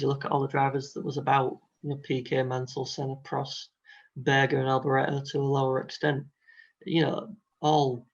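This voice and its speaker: Brief: young podcaster, flat delivery, rambling chat, muffled sound. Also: male voice, medium pitch, gravelly. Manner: rambling, lots of "you know". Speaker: podcast co-host. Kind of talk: casual chat. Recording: dull lo-fi audio.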